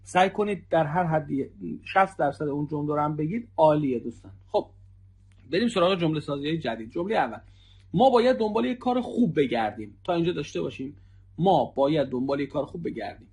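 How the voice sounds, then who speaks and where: A man in his thirties with a slightly high, gravelly voice and a husky edge, teaching a language lesson as a native Persian speaker. He repeats each phrase and slows down to drill new words. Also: expressive. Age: 30s. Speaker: Arabic teacher.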